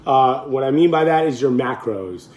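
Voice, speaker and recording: A man in his thirties with a raspy, throaty voice, hoarse from a recent illness, chatting casually and off the cuff to camera as a fitness vlogger. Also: mid-range voice, expressive, moderate pace, darkish tone. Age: 30s. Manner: informal, rambling, unscripted. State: hoarse, getting over being sick.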